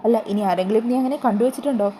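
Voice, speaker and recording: A woman's voice: fairly high pitch, mellow, slight background noise, lightly acted, low-quality recording. A woman voicing a cold, proud wealthy father who speaks in a commanding way. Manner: commanding, slow.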